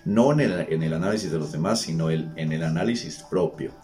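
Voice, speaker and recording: Deep-voiced man musing on happiness. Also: a little fast, darkish tone, faint music behind. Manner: conversational, rhetorical questions, frequent restarts. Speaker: host. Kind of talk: reflective monologue.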